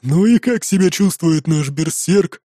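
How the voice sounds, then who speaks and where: Guy doing a high, sneery viking dude, sarcastic, keeps chewing everyone out. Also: expressive, measured pace, mellow, no room sound, clean studio sound. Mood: gloating. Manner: sneering, hammering each word. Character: scornful sarcastic male viking rower, hot-tempered. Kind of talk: audiobook character voice.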